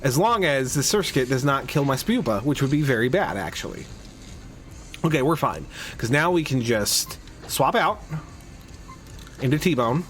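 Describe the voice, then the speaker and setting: With faint music behind him, a man in a mid-range, sing-song voice talks at a moderate pace with long pauses. He's hosting a game playthrough podcast, chatting casually through his moves and restarting often.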